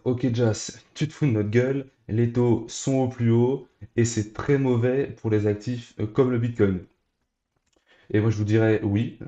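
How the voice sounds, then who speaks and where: A man's voice: lowish voice, mellow, reverberant. A young man hosting a crypto news channel, talking straight to his viewers in an upbeat, scripted way. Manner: upbeat, direct address to viewers. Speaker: crypto YouTube host.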